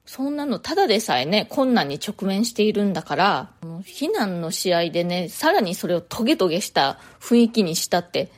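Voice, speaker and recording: A woman hosts her own podcast alone, explaining things in an easy, chatty way. Her talk is full of soft fillers, with a voice of middling pitch. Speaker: podcast host. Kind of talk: solo podcast monologue.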